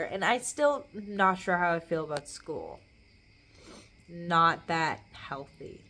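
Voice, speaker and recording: A young adult woman in a casual, rambling solo chat, talking in a loose, tipsy, giggly way and trailing off mid-thought. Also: mid-range voice. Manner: tipsy, loose, meandering drunk talk. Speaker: vlogger.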